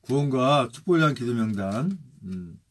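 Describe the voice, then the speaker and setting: A male pastor preaching and leading prayer, steadily reciting lists of names, with a husky voice. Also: mid-range voice, expressive, normal speed. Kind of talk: sermon and spoken prayer.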